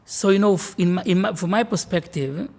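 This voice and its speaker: A man speaks as a rabbi in an interview, sharing his outlook in an earnest, measured way. His voice sits a little high for a man and has a husky, breathy grain. He sometimes restarts a phrase as he searches for words. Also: darkish tone. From Israel. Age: 40s. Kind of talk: interview, reflective talk.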